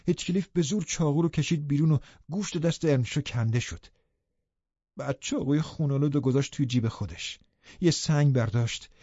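A man's voice: medium pitch, warm tone, no room sound, muffled recording. A man narrating a classic novel in first person as an audiobook, reading expressively and dramatically.

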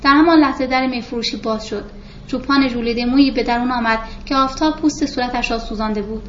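A woman with a high voice reads a novel aloud in steady, scripted narration and speaks the characters' lines without changing her voice much. The recording is slightly muffled, with a faint hiss underneath. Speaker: audiobook narrator.

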